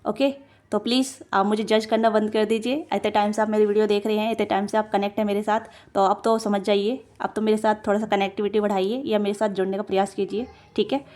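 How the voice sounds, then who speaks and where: एक महिला tarot reader, जो कैमरे से सीधे बात करते हुए रीडिंग करती है और बहुत सारे भराव-शब्दों और खुद को सुधारते हुए लगातार बोलती जाती है।. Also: female voice, medium pitch, flat delivery, a little mellow. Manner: rapid run-on talk with many fillers and self-corrections. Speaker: tarot reader. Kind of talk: casual tarot reading to camera.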